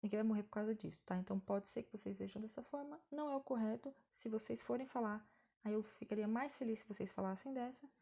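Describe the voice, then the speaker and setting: A woman's voice: on the high side, quick pace, creaky, warm tone, breathy edge. A woman from Brazil teaching an English grammar lesson in a chatty, patient way, often checking in with tag questions. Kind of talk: casual online English lesson.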